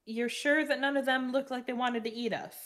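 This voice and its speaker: Hesitant, higher-voiced woman player. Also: fairly even intonation, fairly quick, a bit bright. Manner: hesitant, questioning. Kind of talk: tabletop role-play.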